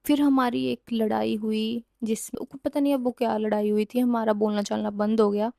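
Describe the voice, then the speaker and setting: A young woman recounts a personal story in a loose, rambling way, often circling back and fixing her own words. Her fairly high voice stays level and carries a gravelly, mellow edge. The sound is close and dry. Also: flat delivery, normal speed, no room sound. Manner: rambling, repeats and corrects herself mid-sentence. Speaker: storytime vlogger.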